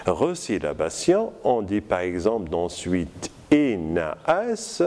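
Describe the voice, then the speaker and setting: A man giving a university lecture, slow and deliberate, with many hesitations. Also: on the low side, expressive, a little mellow.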